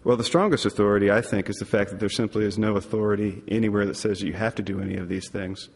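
Deep, gravelly male lawyer arguing. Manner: formal but halting. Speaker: appellate lawyer. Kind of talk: oral argument in court. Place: large courtroom. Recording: reverberant courtroom.

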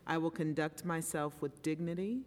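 A woman's voice: sits low, steady tone, moderate pace. A woman justice administering a formal oath in short phrases for others to repeat. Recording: echoey hall, faint crowd.

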